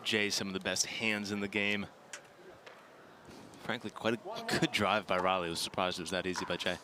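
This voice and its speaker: A low-pitched man offers relaxed, analytical color commentary, explaining players' grips and shot choices. Clear background noise sits behind his broadcast voice. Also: a little fast, crowd noise. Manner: analytical, relaxed, laughs easily. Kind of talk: sports commentary.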